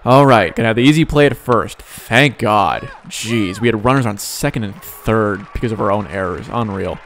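A young man commenting live on his own video game play, excitable, with sighs and sudden outbursts. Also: lowish voice, moderate pace, a little hiss or hum. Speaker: gaming YouTuber.

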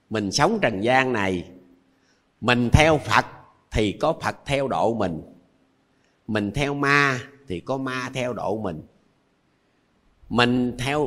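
A man's voice: mid-range voice, a bit bright. Older monk in his 80s, Southern Vietnamese accent, homely sermon with plain examples and repeats. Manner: folksy, repetitive, explains with everyday examples. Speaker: Buddhist monk. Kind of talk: dharma talk to lay followers.

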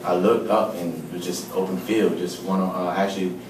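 A man answering questions after a game in a low-key, matter-of-fact way. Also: steady tone, a little fast, background noise. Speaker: football player at a postgame press conference. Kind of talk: postgame press conference answers. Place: large press room. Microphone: table mic, heard from a distance. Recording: roomy, distant press room audio.

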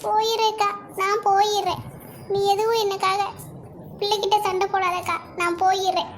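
A woman voicing a meek, tearful middle-aged aunt in a cartoon, speaking softly and submissively. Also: extremely high pitch, little pitch movement, slight background noise. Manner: soft, slow, submissive.

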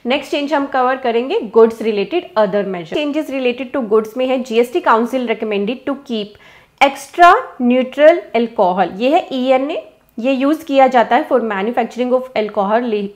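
A woman in her thirties with an Indian English accent, explaining tax rules. She reads English lines slowly and explains them quickly in Hinglish. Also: a little high. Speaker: tax educator. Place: small office with a plant.

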